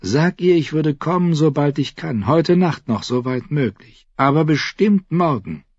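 A man voicing a sharp-tongued, weary dwarf lord who gives clipped urgent orders in an audiobook. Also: fairly high pitch, animated, a little slow, no room sound, muffled recording, pitched above the performer's own voice. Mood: commanding. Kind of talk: audiobook character voice.

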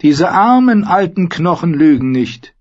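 A man reading an audiobook voices two blunt, ominous old women with a shrill, harsh manner. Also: big pitch swings, a little slow, highs cut off.

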